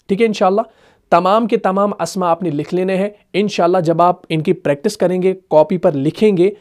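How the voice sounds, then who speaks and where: High-voiced man teaching grammar patiently. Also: a little mellow. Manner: patient, asks the class checking questions. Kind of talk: recorded online lesson.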